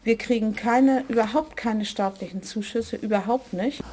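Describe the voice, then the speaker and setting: A woman's voice: on the high side, normal speed, warm tone. A woman who organizes a volunteer meeting place, talking in an earnest, emphatic way and often ending with tag questions. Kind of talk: conversational interview.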